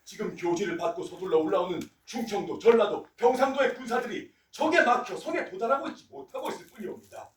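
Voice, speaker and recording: A man's voice: high voice, quick pace, hardly any pauses, a little hiss or hum, lightly acted. A man playing an upright, defiant royal official in a historical stage drama, speaking in formal, archaic declamation. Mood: firm, urgent. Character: upright, defiant male court official urging war. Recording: echoey hall, distant microphone.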